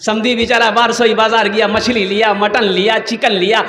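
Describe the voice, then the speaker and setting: A man delivering a sermon in a very high voice, calling questions out to his listeners and mixing in Bengali phrases. His voice rings through a large hall with a long echo and faint background noise. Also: flat delivery, normal speed, fairly bright tone. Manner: calls out questions to the crowd, mixes in Bengali phrases. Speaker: Islamic preacher. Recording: echoey hall, faint ambience.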